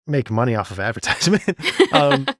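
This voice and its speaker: A podcast co-host who designs sound for audio dramas talks through ideas step by step, loose and conversational. His mid-range voice swings widely in pitch at a normal speed, with some creak and a slightly bright edge. The recording is dry and studio quality.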